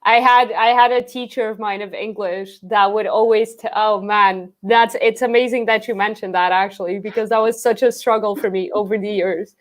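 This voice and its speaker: A woman's voice: medium pitch, fairly even intonation, moderate pace, hardly any pauses. A young woman from Portugal, hosting a live Q&A in a chatty way full of "like" fillers. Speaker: host. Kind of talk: live Q&A chat.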